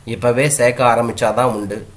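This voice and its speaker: A man voicing a blunt, mocking old village grandmother in a read-aloud story, using his own mid-pitched voice. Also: fairly even intonation, moderate pace, natural voice.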